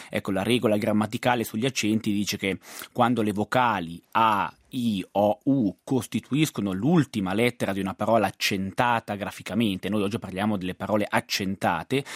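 Radio language expert, male, low voice, dry studio sound, quick teacher's delivery. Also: no room sound. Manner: didactic, lists examples, quick bursts. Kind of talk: explaining grammar on radio.

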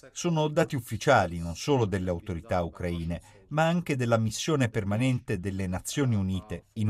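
A man reading an Italian voice-over for an interviewee, measured and earnest. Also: medium pitch, a little mellow.

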